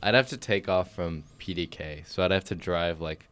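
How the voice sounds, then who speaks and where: A teenage boy co-hosting a casual podcast, laid-back and dry, his voice trailing quieter at the ends of thoughts. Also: deep voice, normal speed, clear, resonant tone. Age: teens. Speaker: podcast co-host.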